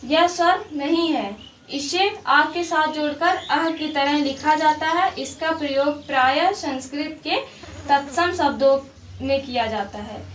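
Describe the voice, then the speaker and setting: In this grammar lesson, a woman with a high-pitched voice talks a little slowly, explaining patiently and repeating every example to make sure students follow. The room sounds large, the mic is distant, and there's faint background noise.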